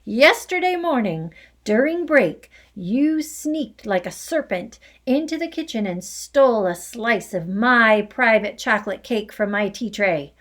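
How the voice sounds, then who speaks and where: A woman voicing a cruel, domineering headmistress who barks and booms insults. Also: expressive, a little slow. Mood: shouting furious. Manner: barking, booming insults. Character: bullying hulking headmistress, loud and cruel.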